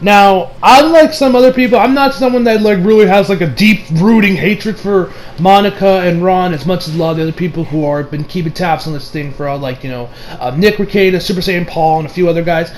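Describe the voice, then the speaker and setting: High-voiced man rambling commentary. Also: brisk, a little hiss or hum, poor audio. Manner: rambling, heavy on fillers, swears casually. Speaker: online commentator. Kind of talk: casual ranting commentary.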